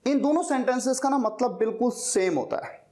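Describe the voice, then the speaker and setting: A man's voice: extremely high pitch, darkish tone. Patient male teacher explaining step by step. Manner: patient, repeats words slowly to model pronunciation. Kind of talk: explanatory classroom lecture.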